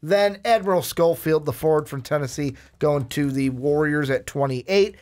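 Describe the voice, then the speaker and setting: Brief: young male co-host, higher-pitched, goofy, self-mocking. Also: moderate pace, darkish tone, a little hiss or hum. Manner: playful, goofy, laughs at himself. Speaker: podcast co-host. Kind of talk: casual sports podcast chat.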